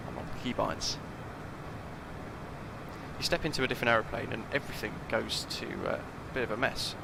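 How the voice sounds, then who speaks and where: A man's voice: mid-range voice, steady tone, brisk, creaky, noisy background. A man casually talking through a flight sim live stream, thinking aloud and chatting with his viewers.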